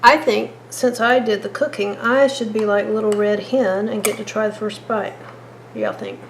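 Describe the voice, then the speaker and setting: A woman's voice: medium pitch, fairly even intonation, normal speed, reverberant, slight background noise. A woman chatting to viewers in a homey way as she cooks in her home kitchen. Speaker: cooking vlogger. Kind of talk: casual cooking vlog.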